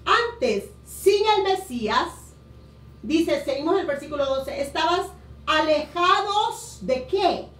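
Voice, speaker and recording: Woman pastor from honduras preaching slow and emphatic, high voice, echoey room, kinda far from the mic. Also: animated, a bit bright. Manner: emphatic preaching, stretching key words slowly. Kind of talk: sermon. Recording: roomy echo, voice a bit distant.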